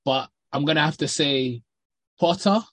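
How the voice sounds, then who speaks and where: A man's voice: a little high, normal speed, a bit bright, no echo. A man with a London roadman accent chatting informally and slangily as a panellist on a football podcast. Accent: London, urban slang. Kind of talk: casual football chat.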